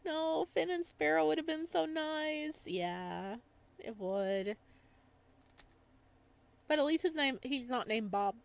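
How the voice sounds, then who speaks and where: A woman hosts a casual visual novel playthrough, chatting and reading the text aloud. Her high-pitched voice has lively intonation and vocal fry, and she speaks slowly with frequent pauses.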